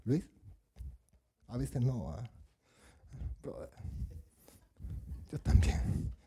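A man's voice: medium pitch, sing-song, drawn-out words, warm tone, husky. A man preaching a sermon, asking the congregation questions and acting out Bible voices.

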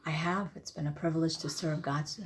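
A woman from Iraq with a slightly low voice speaks as a studio guest. She is a religious sister who talks in a gentle, earnest, soft-spoken way as she shares her story. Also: fairly even intonation, a little fast. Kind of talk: personal testimony in interview.

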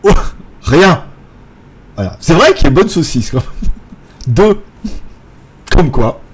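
A man hosting a casual tech live stream, rambling and joking, laughing often and mimicking other people in a high voice. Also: very animated, slow, slight background noise. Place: apartment in Thailand.

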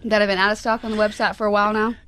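A young woman on a casual podcast, giving brief, soft-spoken answers. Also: medium pitch, level tone, racing, smooth, no echo. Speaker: podcast guest, staff member.

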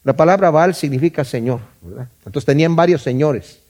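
A man's voice: on the high side, brisk, darkish tone. A middle-aged man from Mexico with a Mexican Spanish accent, teaching a Bible study in a conversational way, often repeating words and asking "¿verdad?".

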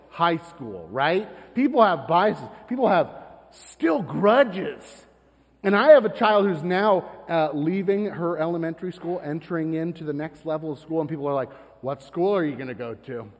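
Pastor, male, from Florida, higher-pitched voice with a husky edge, chatty storytelling sermon. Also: lively intonation, moderate pace. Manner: conversational, storytelling, self-deprecating asides. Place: church sanctuary. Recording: long reverb of a church hall.

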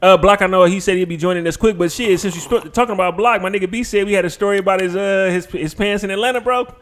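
A man's voice: high voice, fast, fairly bright tone. A young man hosting casually, telling stories to friends in a slangy, boastful frat-bro manner. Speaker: podcast host. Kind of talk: casual storytelling among friends.

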